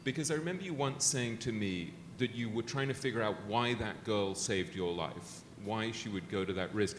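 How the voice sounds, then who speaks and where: Man interviewing on stage, gentle polite questions, lowish voice, long hall reverb. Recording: echoey hall with long reverb, faint noise.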